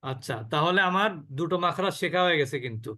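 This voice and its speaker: A man teaching an online recitation class, drawing out each sound slowly and quizzing his students. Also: a little high, lively intonation, sharp tone. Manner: slow drawn-out demonstrations of sounds, asks the class questions.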